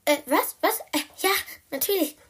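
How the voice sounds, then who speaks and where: A woman's voice: extremely high pitch, animated, moderate pace, pitched above the performer's own voice. Woman voicing a bossy restless female cat. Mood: urgent. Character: restless female shelter cat longing for freedom.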